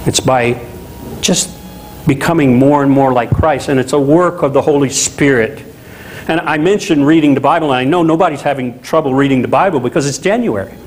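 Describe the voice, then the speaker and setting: A middle-aged man from Louisiana preaching a sermon as a pastor in a small chapel, talking in a conversational, animated way with asides. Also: medium pitch, brisk, low-quality recording. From Louisiana, USA.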